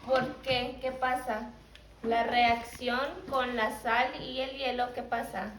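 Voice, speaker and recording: A woman with a slightly high voice and flat delivery teaches preschoolers a little slowly, using simple, repeated questions and phrases. The session mixes a question-led lesson with reading a picture book aloud. Recorded in an indoor classroom, the sound is roomy and distant, with faint background noise.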